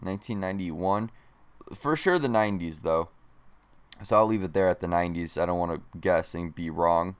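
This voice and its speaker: A young man hosting his own sports podcast, talking casually and rambling, with a self-admitted monotone delivery. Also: low-pitched, moderate pace, smooth. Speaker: podcast host.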